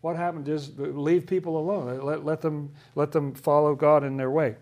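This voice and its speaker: Male preacher, slightly high voice, conversational sermon with emphatic swells. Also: steady tone, moderate pace, a little mellow.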